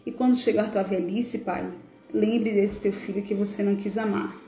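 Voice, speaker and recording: A woman with a mid-pitched voice reads a solemn text slowly, pausing between phrases. The sound is a roomy, echoey recording from a video call. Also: fairly even intonation, mellow, faint music behind. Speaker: live show host. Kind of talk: solemn reading of a tribute text.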